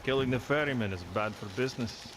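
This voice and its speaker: An actor playing a gruff, wry male river ferryman who talks in a dry, unbothered way. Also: mid-range voice, quick pace, very noisy, natural voice.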